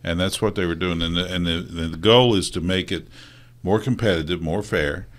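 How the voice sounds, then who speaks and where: Deep-voiced earnest middle-aged man. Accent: West Virginia. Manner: halting, restarts often, earnest storyteller. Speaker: teachers' union president, guest. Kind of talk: casual studio talk show interview.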